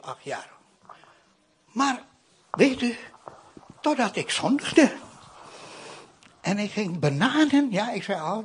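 A man from India tells a personal testimony in a sermon style, talking straight to his listeners. His voice sits unusually high for a man and has a husky, breathy edge. He swings his pitch widely as he acts out the people in his story. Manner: keeps addressing the audience with "I tell you".

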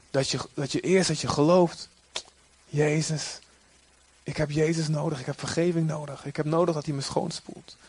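A man preaching a sermon in a lively way, sometimes acting out quoted figures in a raised voice. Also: on the high side, no room sound.

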